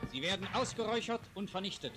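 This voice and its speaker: Over a loud musical backing on an old 1940s newsreel soundtrack, a man delivers scripted wartime narration in a formal, declamatory style. His high-pitched voice moves quickly with lively intonation.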